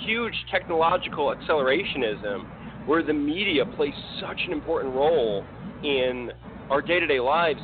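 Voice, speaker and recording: A man talks politics casually, circling back and restarting his sentences. His voice sits a little high. The sound is thin and phone-like, with a faint hiss underneath. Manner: rambling, many restarts and fillers, laughs often. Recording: tinny phone-like line with faint noise.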